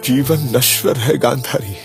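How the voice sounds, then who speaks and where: A man's voice: medium pitch, unhurried, vocal fry. An actor playing a king who comforts his wife in a soothing, reassuring manner in an audio drama. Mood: consoling. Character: consoling king, husband of the queen. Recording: music bed underneath.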